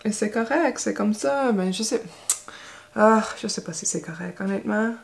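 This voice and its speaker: A woman's voice: mid-range voice, moderate pace, gravelly. A woman from Quebec whose first language is English, chatting casually while doing her makeup. She talks in a hesitant, rambling way, full of fillers and restarts. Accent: English-speaking Quebec. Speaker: beauty vlogger.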